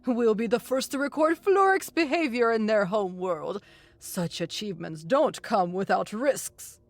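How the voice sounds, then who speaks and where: A woman voicing an older male alien professor who talks in a hushed, urgent whisper, with a changed timbre, in a storybook reading. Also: medium pitch, expressive, moderate pace, no echo, natural voice. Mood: hushed eager.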